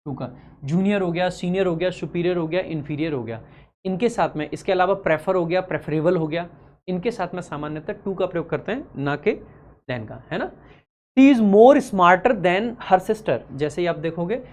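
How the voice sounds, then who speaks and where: Guy teaching grammar for exam prep, quick explaining, reads examples out slow, asks then answers his own questions. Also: high-pitched, animated. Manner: explains briskly, reads example sentences slowly and deliberately; addresses students familiarly, poses questions and answers them himself. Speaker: English teacher.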